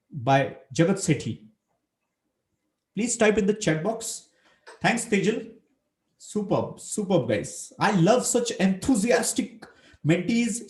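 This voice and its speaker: A man's voice: high voice, a little mellow. A man from Maharashtra with a Marathi Indian accent, coaching in a motivational business webinar, emphatic and repeating key phrases, mixing Hindi into English.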